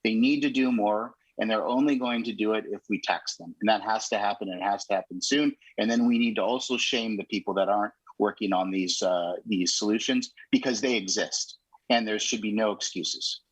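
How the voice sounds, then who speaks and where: A man's voice: lowish voice, brisk, slightly rough, no room sound. A man speaking as a panel guest, making blunt, insistent points with frequent restarts. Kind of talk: remote panel interview. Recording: dull, dry lo-fi remote audio.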